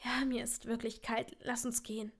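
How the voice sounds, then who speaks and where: A woman reading aloud, voicing a clever, caring young woman who speaks softly, sometimes in a whisper, and teases playfully. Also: a little high, level tone, moderate pace, gravelly, slightly rough. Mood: tender.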